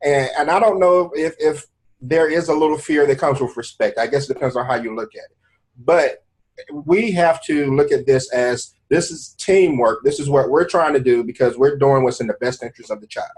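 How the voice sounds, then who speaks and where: A man's voice: medium pitch, moderate pace, a little mellow, low-quality recording. A man in his forties, a talk show guest, speaking earnestly and making his points with emphatic repetition. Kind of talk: casual talk show discussion.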